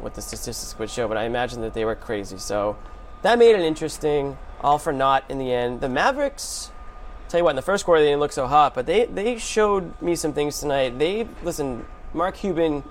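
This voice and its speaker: A sports podcast host with an animated voice on the high side gives fairly quick, slangy basketball commentary in an informal, conversational style. Background noise and hum are clearly audible.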